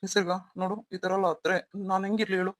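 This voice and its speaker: A woman voicing a young husband who is protective toward his wife and quick to anger at a rival, in a melodramatic audio story. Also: medium pitch, flat delivery, heavy background noise, close to an everyday voice. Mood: tender.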